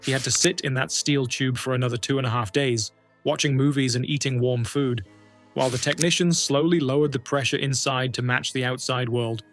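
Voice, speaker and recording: A man's voice: mid-range voice, fairly even intonation, fairly quick, a bit bright, soft background music. A man giving scripted documentary narration, telling a true story in a dramatic, suspenseful way.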